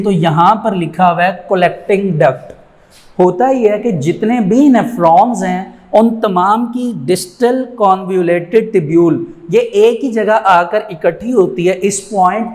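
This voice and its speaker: High-voiced, slow-paced teacher. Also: male voice, a little mellow. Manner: mixes English terms into Urdu, repeats key terms slowly. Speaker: biology teacher. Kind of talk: classroom lecture over a diagram.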